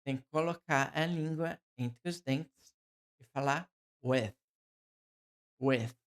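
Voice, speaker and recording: A man with a Brazilian Portuguese accent teaching English pronunciation, repeating each word slowly for the learner. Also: fairly high pitch, clear, resonant tone. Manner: repeats words slowly for drills. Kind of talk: pronunciation lesson.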